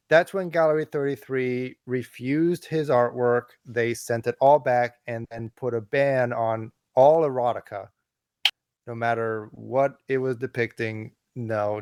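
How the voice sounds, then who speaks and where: A man's voice: mid-range voice, darkish tone, smooth, no echo, clean studio sound. Man recounting a story on a podcast. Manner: explains the story, with many fillers and restarts. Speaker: podcast co-host. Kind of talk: casual storytelling.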